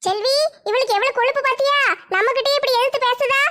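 A woman's voice: very high-pitched, quick pace, bright, forceful tone. A woman voicing a blunt, hot-tempered scheming woman in a comedy sketch. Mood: angry. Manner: blunt, quarrelsome.

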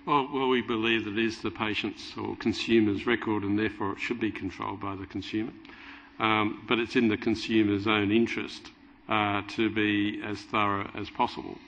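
A middle-aged consumer representative answering on a panel, halting with many fillers. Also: male voice, lowish voice, little pitch movement, fairly bright tone, slight background noise. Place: large conference hall stage. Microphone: table mic. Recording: dull sound with hall reverb.

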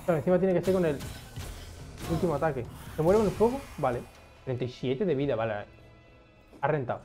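A young man giving casual gameplay commentary, excitable, swearing often and talking to himself as he plays. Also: fairly high pitch, fairly quick, faint music behind. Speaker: gaming streamer.

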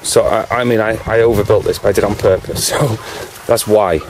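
Low-voiced British man rambling casually. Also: steady tone, brisk, rough recording. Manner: rambling, full of "you know", talking with a cigarette in his mouth. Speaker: vlogger.

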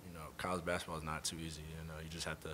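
A young man, a college basketball player at a postgame press conference, speaking in a soft, low-key way with many fillers into a table mic. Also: little pitch movement, racing, background noise. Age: young adult.

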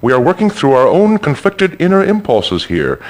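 A smooth robot radio host. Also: male voice, on the high side, huge pitch swings, normal speed. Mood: smooth, superior. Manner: smooth radio-host patter with sudden menacing swings. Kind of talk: video game radio show acting.

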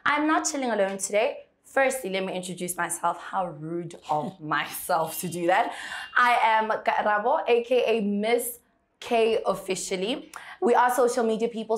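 A young woman from South Africa hosts an interview in a bright studio. She talks in a lively, chatty way and laughs often. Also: medium pitch, moderate pace. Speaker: talk show host. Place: bright studio set with pink rug.

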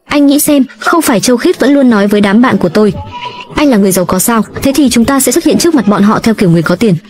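A woman's voice: fairly high pitch, animated, quick pace, darkish tone, lightly acted. A woman reading a brusque, feisty young mother. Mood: bossy. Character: blunt, feisty young mother, hard-up nanny.

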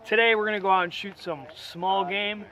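A man hosting a hunting vlog and opening the episode in a lively, playful way. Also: sits high, a little fast, rough recording. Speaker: channel host. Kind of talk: upbeat vlog intro. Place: outdoors at a campsite.

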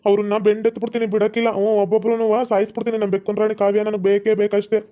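A woman's voice: mid-range voice, level tone, racing, lo-fi sound, natural voice. A woman playing a distraught young village man who has lost his cat, whiny and tearful. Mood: sulky threatening.

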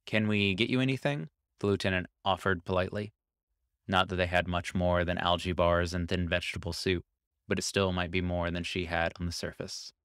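A man with a low, deep voice narrates a short story in a calm, even manner. His tone is smooth and resonant. The recording is dry and close, with no room sound. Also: brisk, dry recording. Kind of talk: scripted narration.

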